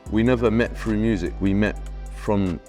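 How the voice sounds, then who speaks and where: A deep, low-pitched man in his thirties with a South London accent recounts his past in an easygoing, slang-filled way. His tone stays reflective and unhurried. A faint music bed plays underneath. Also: steady tone, darkish tone. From London, England. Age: 30s. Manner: laid-back, slang-heavy, reflective. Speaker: rapper interviewee. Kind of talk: casual interview storytelling.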